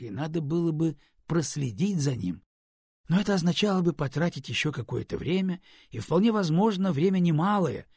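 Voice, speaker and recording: Husky, gravelly male audiobook narrator. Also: a little high, no echo, clean studio sound. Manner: expressive storytelling. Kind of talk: scripted narration.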